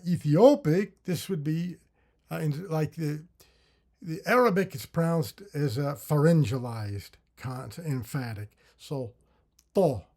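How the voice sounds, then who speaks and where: Guy teaching a class, slow and careful, pauses and restarts, says sounds out loud to show them. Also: fairly high pitch, gravelly. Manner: slow, deliberate, with drawn-out syllable demos; thinks aloud with fillers and restarts. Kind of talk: lecture on phonetics with spoken sound demonstrations.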